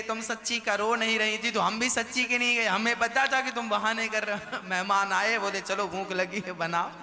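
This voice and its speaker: A man preaching a devotional sermon, telling folksy stories and chanting verses. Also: high-pitched. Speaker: Bhagavat katha preacher. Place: large live religious gathering. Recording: reverberant live hall with music.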